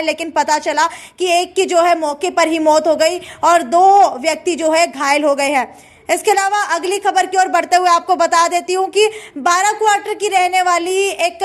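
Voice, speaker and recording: Very high-pitched woman reading breaking news. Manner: repeats filler phrases between news items. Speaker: local news presenter. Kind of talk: breaking news bulletin, semi-formal spoken delivery.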